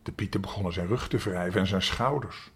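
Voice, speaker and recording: An older man telling a storybook tale to young children, gentle and expressive, speaking to them directly. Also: low voice, a little fast, husky.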